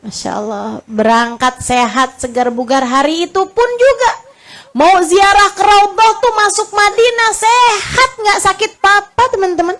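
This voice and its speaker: A woman's voice: very high-pitched, moderate pace. A woman preacher, telling stories in a sermon with emotion and casual jokes, calling her listeners friends. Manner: emotional storytelling, softens to a hush when quoting comfort; chatty and joking, addresses audience as friends. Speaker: Islamic preacher. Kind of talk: sermon storytelling.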